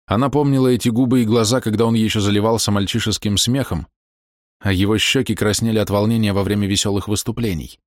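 A man narrating an audiobook in a measured, even way. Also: fairly low pitch, dry recording, studio quality.

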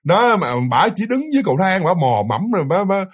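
A man voicing his frightened middle-aged mother, pleading in a soft, hushed voice. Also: sits high, very animated, fast, slightly rough, highs cut off, full character voice. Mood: troubled.

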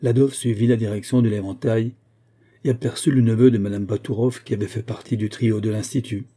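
A man narrating an audiobook in a measured, deliberate way. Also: fairly low pitch, fairly even intonation, warm tone.

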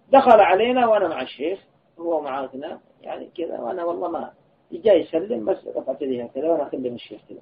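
A man, an Islamic scholar, giving an earnest religious lesson and telling a personal story of admonition. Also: a little high. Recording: tinny lo-fi phone-like recording, faint hiss.

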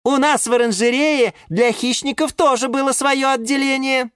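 A man's voice: extremely high pitch, fairly even intonation, normal speed, fairly bright tone, clear, resonant tone, no room sound, clean studio sound, pitched above the performer's own voice. A man voicing a worldly female palm tree in a children's audiobook, with a knowing, folksy manner. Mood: approving. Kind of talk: audiobook character voice.

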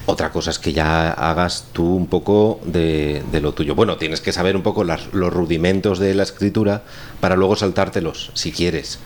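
A Spanish-accented man from Spain, a scriptwriter and teacher, chats casually on a radio show in a wry, rambling manner. His voice is low with fairly even intonation at normal speed, and the room recording is clearly noisy.

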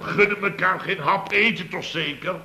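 Playing the blustering, exasperated head of a building firm in Dutch radio comedy, an actor tells anecdotes full of exclamations and repetition. His exaggerated voice is high-pitched, bright and forceful, at a moderate pace.

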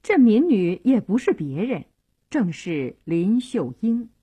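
A woman telling a traditional serial story for broadcast in an expressive, dramatic, deliberate way. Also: mid-range voice, breathy edge.

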